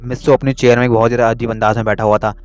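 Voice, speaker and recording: A man narrating a spooky story in a hurried, repetitive way. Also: mid-range voice, little pitch movement, darkish tone, smooth, faint music behind.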